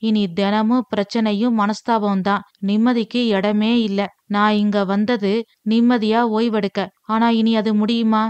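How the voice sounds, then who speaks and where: A woman with a Tamil accent narrates a family novel as an audiobook, voicing every character with little change in her voice. Her delivery is flat, measured, smooth, and a little mellow at medium pitch, in a dry recording.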